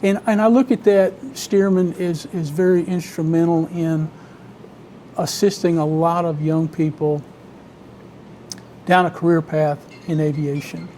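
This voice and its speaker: A man with a Southern US accent from Alabama, telling stories conversationally as an interview guest, in a halting, measured way with frequent pauses. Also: fairly high pitch, fairly even intonation, warm tone, slight background noise, rough recording. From Alabama, United States. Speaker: interview guest, vintage biplane owner and pilot.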